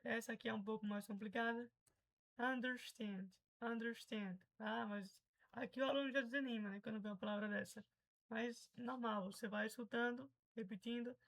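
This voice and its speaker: A woman's voice: a little high, steady tone, a little fast, rough recording. A Brazilian woman teaching English pronunciation in a casual, chatty way, patiently explaining and repeating example words.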